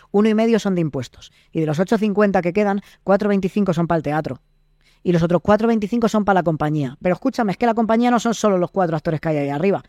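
Man, high voice, Spain Spanish accent, dry close sound, animated explaining, podcast guest. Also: no echo. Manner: animated explainer, acts out quoted dialogues. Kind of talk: casual interview chat.

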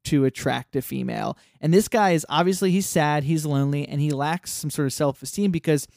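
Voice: medium pitch, fairly quick, gravelly, darkish tone, dry recording, clean studio sound. Rambling podcast co-host recapping a cartoon. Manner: rambling, many "like" fillers; acts out quoted lines. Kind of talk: casual chat recapping a cartoon episode.

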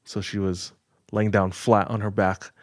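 A man casually retelling a story on a podcast, measured and full of filler words. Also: on the low side, little pitch movement, dry recording, clean studio sound. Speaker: podcast host telling a story.

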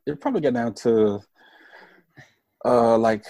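A man co-hosting a football podcast who talks in a relaxed, laid-back way, full of "you know" and "shoot". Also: medium pitch, unhurried, dry recording. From Texas. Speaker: podcast co-host, former player and coach. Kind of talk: casual chat.

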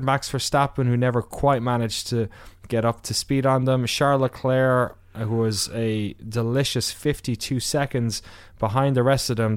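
A man's voice: mid-range voice, clean tone, no echo, clean studio sound. A man hosting a podcast, giving a casual race recap with wry asides, rambling through many fillers and restarts. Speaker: podcast host.

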